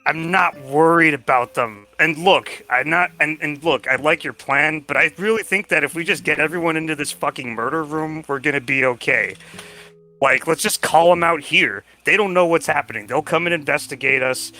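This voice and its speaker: A man's voice: on the high side, moderate pace, pushed and bright. A sweary man chatting casually as a player in a tabletop roleplaying game. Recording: music behind the voice. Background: music.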